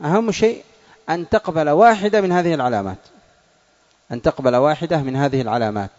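A man's voice: on the high side, fast, darkish tone, long reverb tail, lo-fi sound. A male teacher giving a classroom grammar lesson, quizzing pupils and repeating their answers.

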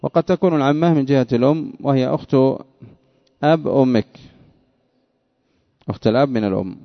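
A man gives a religious lesson in a steady middle voice, restating each point and putting questions to his listeners. The recording is dull and lo-fi with a dry, close sound. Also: mid-range voice, creaky, dry recording. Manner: deliberate, repeats and restates points, quizzes listeners. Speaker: religious teacher. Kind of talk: classroom lesson explaining scripture.

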